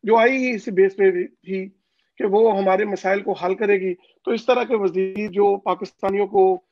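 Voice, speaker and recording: A man's voice: high-pitched, steady tone, unhurried, no room sound. A man from Pakistan speaking as an interview guest over a phone call line, insistent, with many hesitant fillers. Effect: voice heard over a phone call line. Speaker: interview guest, overseas community leader. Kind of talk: political interview. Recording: dull, dry phone call audio.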